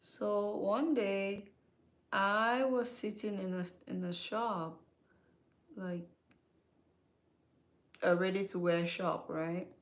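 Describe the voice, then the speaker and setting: A woman's voice: medium pitch, fairly even intonation, slow pace, pauses often. Chatty young woman from Cameroon. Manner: chatty, repeats herself, many fillers and self-corrections. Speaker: skincare vlogger. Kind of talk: casual storytelling while doing makeup.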